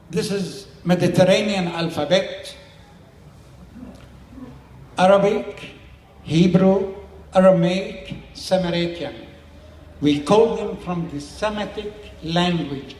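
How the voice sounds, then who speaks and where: An older man, a community elder whose first language is Syriac, is interviewed and explains things to a small audience in plain non-native English, using short phrases. His high-pitched voice is a little mellow, and the sound is roomy, as if in a big room.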